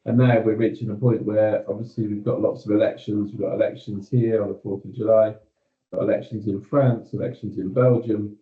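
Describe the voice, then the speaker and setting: A man's voice: lowish voice, flat delivery, reverberant. British man on a muffled video call. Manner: measured, with frequent ums and you-knows. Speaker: company executive. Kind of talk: staff meeting update.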